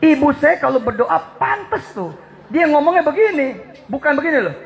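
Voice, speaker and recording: A male preacher delivers a lively sermon to a gathering. He talks straight to his listeners, repeats key words, and swings from soft asides to shouted emphasis. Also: very high-pitched, normal speed, vocal fry. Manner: addresses the audience directly and repeats key words.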